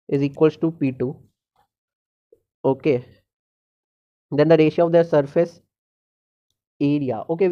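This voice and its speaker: A male tutor with a slightly high-pitched voice works through practice problems, thinking out loud as he goes. He moves step by step, halting and correcting himself. The microphone sound is dull and lo-fi. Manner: halting, with pauses and self-corrections. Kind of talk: unscripted problem-solving lesson.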